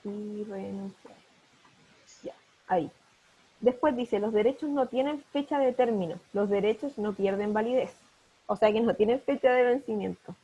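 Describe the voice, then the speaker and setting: Woman teacher, mellow and breathy, patient step-by-step explainer, on a muffled video call. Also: on the high side, moderate pace. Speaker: primary school teacher. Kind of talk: online class explanation.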